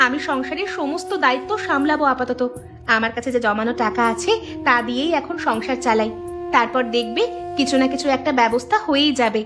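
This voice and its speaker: A woman's voice: high voice, brisk, close to an everyday voice. A woman voicing a caring eldest daughter in a cartoon, talking in a soothing, reassuring way. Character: caring eldest daughter, young adult, steady. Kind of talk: cartoon voice acting. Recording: cartoon soundtrack with loud music.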